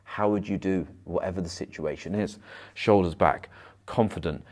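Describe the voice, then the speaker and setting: Male hypnotherapist, low-pitched, fast and slightly stumbling self-help delivery to camera. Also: darkish tone. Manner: rushes his words, occasional stumbles and repeats. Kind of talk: motivational advice monologue to camera.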